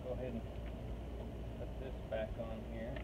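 A man's voice: mid-range voice, moderate pace. A man in his thirties casually narrating a step-by-step chainsaw repair while working outdoors at the back of a vehicle. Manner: relaxed, step-by-step explaining while working with tools. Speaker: DIY repair vlogger. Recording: tinny phone audio, noisy outdoor background.

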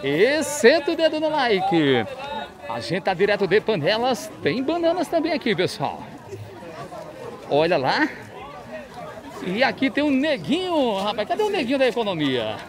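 High-pitched Northeastern Brazilian man, market-showman patter. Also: huge pitch swings, normal speed, pauses often. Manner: chatty market-showman patter with repeated catchphrases. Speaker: host, market reporter. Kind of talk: lively street-market vlog commentary and interviews. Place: outdoor street market. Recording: busy outdoor market crowd noise.

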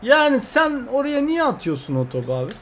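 A young man commenting on his own football video game, getting frustrated and yelling at the players. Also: extremely high pitch, wildly swooping pitch, brisk. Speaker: gameplay streamer.

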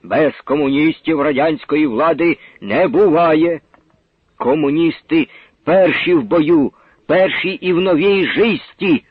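Man doing a poor peasant guy preaching loud n slow, husky, dull sound. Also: fairly high pitch, dry recording. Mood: defiant. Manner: declaiming, slow and forceful.

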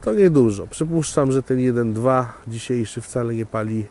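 A man's voice: mid-range voice, moderate pace, mellow. Chatty man showing a car outdoors. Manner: chatty salesman, upbeat, addresses viewers directly. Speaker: used car dealer presenting a car. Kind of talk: casual walkaround car presentation. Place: outdoor gravel car lot on a windy day. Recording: outdoor camera audio with wind noise.

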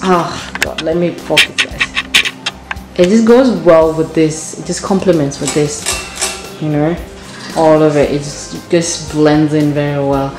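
A woman with a low, steady, slightly slow voice chats and gushes through a home tour filmed on a handheld phone, repeating words for emphasis. She moves through bright, tiled rooms indoors, where the sound echoes and music plays behind her.

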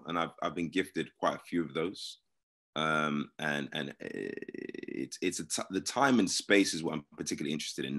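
A man actor answering interview questions in a relaxed, playful way. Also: sits low.

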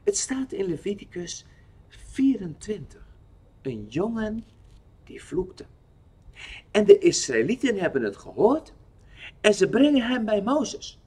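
A man telling a Bible lesson story to children in an expressive way, asking the listener questions. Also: sits high, takes it slowly, pauses often, husky.

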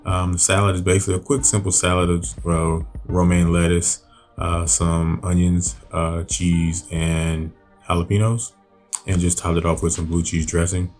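Soft background music sits faintly beneath this voice-over, in which a man with a very low, deep voice walks through a grilled recipe at a moderate pace. The cooking channel host is easygoing and rambling, restarting often and filling gaps with fillers.

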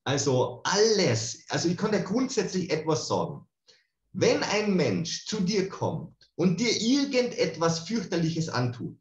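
Animated man lecturing over a call. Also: on the high side. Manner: animated, colloquial, keeps asking "okay?". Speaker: energy healing lecturer. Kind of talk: online lecture. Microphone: video call. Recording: roomy, dull video-call audio.

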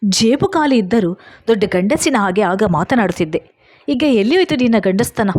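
A woman's voice: medium pitch, lively intonation, moderate pace, darkish tone, lightly acted. A woman reading as a distraught young wife. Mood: heated, defiant. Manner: pleading, emotional.

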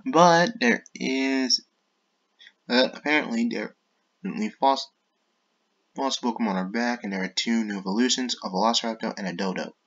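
A man's voice: mid-range voice, a bit bright, lo-fi sound. A man hosting his own gaming channel, talking in a casual, rambling way, often breaking off mid-thought to apologize and change course. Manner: rambling, self-interrupting, apologetic asides. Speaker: YouTube gaming channel host.

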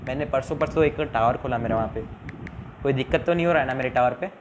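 A man's voice: medium pitch, quick pace, a little hiss or hum, low-quality recording. A young man hosting a casual live game stream, reading viewer comments aloud, mixing English into Hindi and often pleading for subscribers. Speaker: live-stream gaming host.

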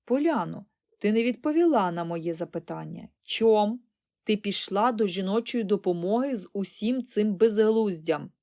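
Female reader doing a prim middle-aged aunt for an audiobook, scolding, sharp, exasperated. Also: mid-range voice, lively intonation, normal speed, natural voice.

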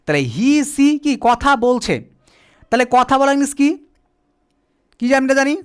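At a board, a Bengali-speaking man teaches spoken English to beginners in a smooth, very high-pitched voice with big pitch swings and a slightly slow delivery. He keeps quizzing the class, supplies the answers himself, and spells out words one letter at a time.

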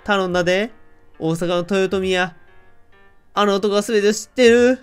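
A man voicing the spirit of a murdered man from Kansai, speaking through someone else's body in an exaggerated, slow, low fake Kansai dialect. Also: clean tone, faint music behind, natural voice. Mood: solemn. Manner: slow, low, theatrical spirit-medium delivery.

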